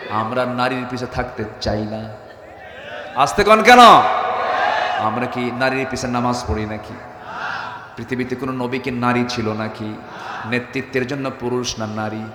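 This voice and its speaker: A man preaching at a gathering, telling a story and voicing its people in turn. He drops to low murmurs, then climbs into high, shouted peaks. His mid-pitched voice rings out over a sound system with a long, echoing hall tail. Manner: acts out quoted lines of story figures. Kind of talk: sermon storytelling.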